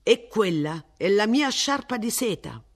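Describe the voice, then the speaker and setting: A woman's voice: medium pitch, sing-song, a little slow, pitched above the performer's own voice. A woman voicing a stiff, indignant middle-aged husband, curt and icily controlled, in a story reading.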